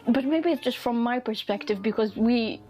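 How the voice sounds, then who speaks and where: Drawing as she talks, a young vlogger from Eastern Europe chats in a rambling, amused way, laughing easily and impersonating whoever she quotes. Her voice sits on the high side and sounds mellow.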